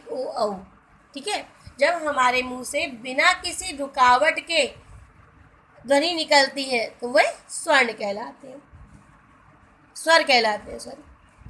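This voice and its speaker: A Hindi teacher with a high, bright, forceful voice gives a grammar lesson over poor audio. She spells out letters one at a time, calls her students "beta," and briefly sings lines from film songs as examples.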